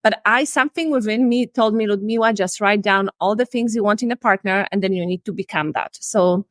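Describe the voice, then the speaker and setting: Brisk and a bit bright at medium pitch, the woman's voice comes through in clean studio sound with no room sound. A Polish-accented coach in her forties from Poland, she works in life and relationships and reflects earnestly on her own story in candid terms, her phrasing slightly non-native, while on a video call inside a room at home.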